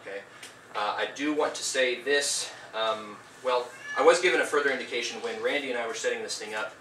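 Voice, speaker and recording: Earnest preachy guy debating, bright forceful voice, echoey room, mic kinda far off. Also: medium pitch, brisk, a little hiss or hum. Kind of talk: formal debate statement. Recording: echoey room, distant mic, faint ambience.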